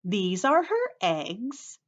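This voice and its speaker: A woman teacher draws out her words and swings her mid-range voice through huge pitch changes while reading to young children. She explains things plainly, asks them questions and uses simple repetition, and the sound is slightly dull lo-fi.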